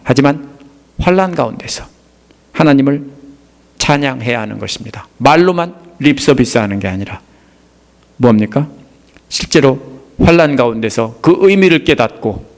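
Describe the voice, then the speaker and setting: A pastor, a middle-aged Korean man, gives a sermon in which he asks the congregation questions and then answers them. His voice lifts when he stresses a point and sinks low and gentle afterward.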